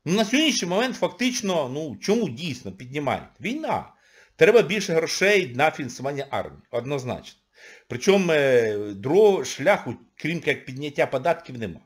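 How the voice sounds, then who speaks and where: High, lively, bright-voiced sarcastic man. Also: brisk, breathy edge. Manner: sarcastic, exclamatory, scolding. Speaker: economist. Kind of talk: emotional video monologue.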